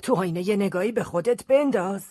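A woman playing a fretful, husky old aunt. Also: medium pitch, mellow, no room sound, studio quality, close to an everyday voice. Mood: worried. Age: older. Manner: fretful and pleading. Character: fussy, doting elderly aunt. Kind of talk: radio drama acting.

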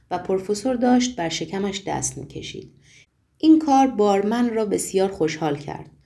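Woman reading a story aloud, warm mellow voice, measured and even. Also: mid-range voice. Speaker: audiobook narrator. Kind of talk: storybook narration.

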